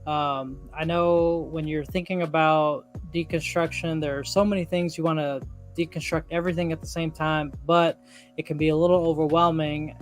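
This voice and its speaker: A man co-hosting a podcast, giving casual, encouraging advice with many "um"s. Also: on the high side. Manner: easygoing, filler-heavy, encouraging. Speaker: co-host.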